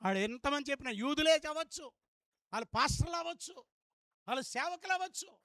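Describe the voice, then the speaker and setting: Male pastor, very high voice, dry sound, chanting refrains back to the congregation. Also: expressive, fast, bright, forceful tone, no echo. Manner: repetitive call-and-response preaching, emphatic chanting refrains. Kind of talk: fervent sermon at a fasting prayer service. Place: church.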